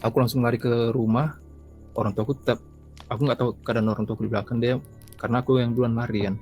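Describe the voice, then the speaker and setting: A young man from East Kalimantan, Indonesia, tells his own ghost story in a loose, rambling, casual way, repeating himself and acting out conversations with his mother. His voice is medium-pitched and darkish, with fairly even intonation and a quick pace, over soft background music.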